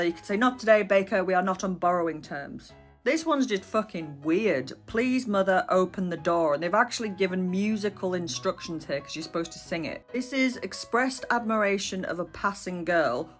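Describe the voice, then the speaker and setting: A woman's voice: lowish voice, a bit bright. A woman casually explaining old slang to camera, with dry, sarcastic asides and the odd swear word. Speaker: history content creator. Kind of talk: casual educational talk to camera.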